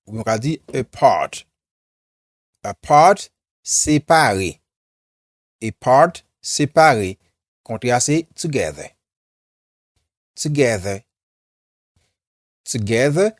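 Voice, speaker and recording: A man's voice: mid-range voice, expressive, slow pace, long pauses, no room sound, clean studio sound. A man with a Haitian accent teaching English vocabulary, saying each word several times and then translating it. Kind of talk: slow vocabulary drill with repetition.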